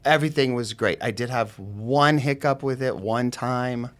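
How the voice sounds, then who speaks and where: Middle-aged man, mid-pitched, casual podcast guest, storyteller with filler words. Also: normal speed. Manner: animated anecdote-telling with frequent fillers and laughter. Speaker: realtor guest.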